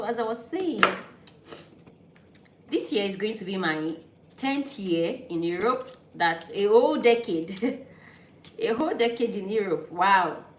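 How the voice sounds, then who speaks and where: A woman from Nigeria, Yoruba her first language, chats slowly and easily with her viewers while she cooks at home. She suffers from an allergy, and her voice rings around an echoey kitchen. Steady noise sits clearly behind her. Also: medium pitch. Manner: chatty, easygoing, thinking aloud. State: pollen allergy, sneezing. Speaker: vlogger. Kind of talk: casual cooking vlog chat with live viewers.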